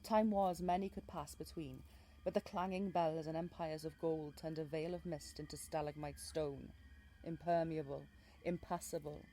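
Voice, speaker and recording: A woman with a Welsh accent voicing a mysterious, protective fae guide in an intimate audio role-play, with lyrical, gently commanding phrasing. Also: low voice, fairly even intonation, normal speed, a little hiss or hum, natural voice. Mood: solemn, cautionary. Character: mysterious female fae guide, protective, wry, ancient storyteller.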